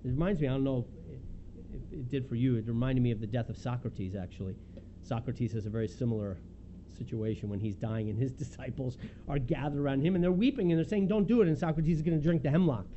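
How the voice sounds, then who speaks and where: Animated male preacher, dull lo-fi sound. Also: medium pitch, fast. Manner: animated, acts out the disciples' pleas. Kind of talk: sermon. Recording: dull lo-fi sound with faint noise.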